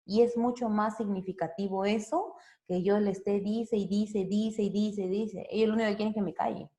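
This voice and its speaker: With a warm, steady, medium-pitched voice and a fairly quick pace, a woman psychologist gives parents an informal talk. She goes through things step by step and keeps checking in, conversationally, with tag questions.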